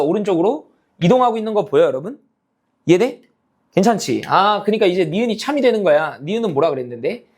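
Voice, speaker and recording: A man teaching a math lecture, explaining a graph step by step and constantly checking whether students follow with quick tag questions. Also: high voice, darkish tone, slightly rough. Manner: calls himself teacher, half-casual speech.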